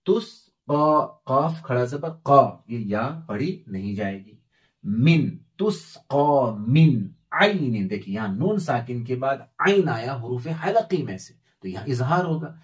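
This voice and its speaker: A man teaching Quran reading step by step, spelling out letters and reciting words slowly, asking and answering his own questions. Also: mid-range voice, darkish tone.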